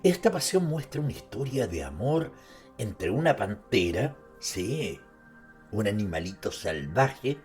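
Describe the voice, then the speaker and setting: A man with a fairly low voice narrates about literature at a very slow pace. He turns to the listener directly, mixing dramatized storytelling with conversational asides. Music plays softly behind him. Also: very animated. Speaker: narrator presenting an author's life and works.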